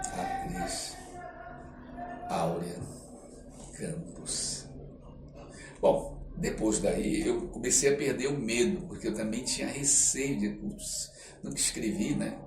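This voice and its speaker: Speaking in a fairly low voice with a Brazilian accent, this older theatre artist and writer appears as a podcast guest, spinning animated anecdotes conversationally. He performs the dialogue he quotes and keeps tossing in brief tag questions. A distant mic picks up roomy echo and faint noise.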